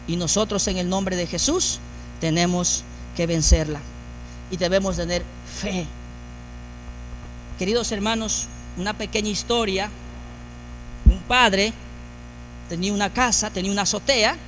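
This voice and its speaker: A man's voice: sits high, fairly bright tone, slight background noise. A man preaching a sermon as pastor, building emphasis through repeated phrases. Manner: preaching with rising, emphatic repetition.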